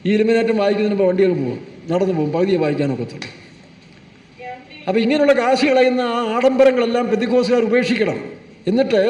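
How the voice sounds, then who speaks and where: Pastor guy preaching, pretty high voice, sounds far off in a big echoey hall. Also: darkish tone. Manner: scolding, rhetorical questions to the congregation. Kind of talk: sermon.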